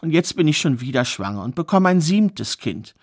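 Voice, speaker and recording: A man's voice: fairly high pitch, sing-song, normal speed, no room sound, studio quality. A man voicing a weary, impoverished mother of six who pours out her troubles in a spoken fairy tale. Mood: despairing.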